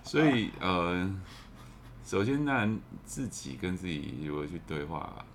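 A man's voice: deep voice, very animated, a little slow, background noise. A man with a Taiwanese Mandarin accent talking reflectively in a casual discussion. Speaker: podcast panelist.

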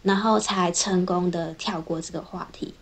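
A young woman engineer, telling her own workplace stories in a casual, chatty vlog, linking her thoughts with a steady run of "and then". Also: lowish voice, moderate pace. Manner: chatty, strings thoughts together with frequent "then". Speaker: software engineer. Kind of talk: casual personal vlog storytelling.

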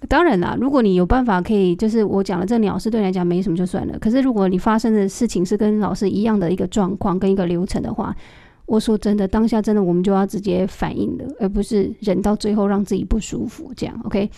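Lady host ranting about her day, mellow voice, dry close sound. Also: mid-range voice, fast talker, no echo. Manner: animated, addresses listeners directly. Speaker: podcast host. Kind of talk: casual storytelling chat.

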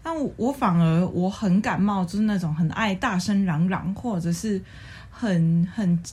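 A young woman, chatting casually as a co-host in a calm, quiet, measured way and airing mild complaints. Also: medium pitch, breathy edge. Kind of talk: casual chat.

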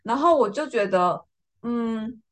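A young woman with a Taiwanese Mandarin accent, telling a story as a guest in a casual chat and acting out the quotes with lively swings in her voice. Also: slow pace. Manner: lively, acts out quotes with big pitch jumps, laughs often. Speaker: podcast guest.

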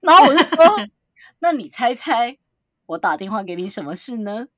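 A woman chats on a podcast, acting out every line of her story and breaking into laughter. Her voice sits a bit high and swings widely in pitch, recorded dry and close. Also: normal speed, no room sound. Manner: animated storyteller, acts out quotes, laughs often. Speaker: podcast co-host. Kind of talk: casual storytelling chat.

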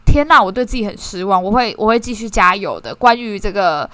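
A woman casually shares her impressions of a course, talking in an animated, self-mocking way with many restarts. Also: mid-range voice, a little fast, dry recording. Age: 20s. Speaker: course participant sharing reflections. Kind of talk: casual spoken sharing.

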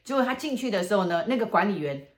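A woman with a Taiwanese Mandarin accent, a fortune teller telling a ghost story in animated, exclamatory casual chat. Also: medium pitch, fast. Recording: echoey room.

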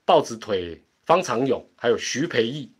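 A man's voice: mid-range voice, sing-song, normal speed, husky. A middle-aged man with a Taiwanese accent hosting a casual livestream, chatty and rambling, laughing often between asides. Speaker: livestream host. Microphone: home internet setup.

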